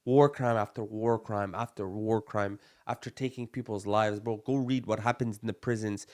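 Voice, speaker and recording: A man's voice: on the low side, steady tone, normal speed, a little mellow. A young man from Palestine, a podcast co-host, arguing bluntly and emphatically in a heated discussion, peppering his talk with "bro" and Arabic phrases.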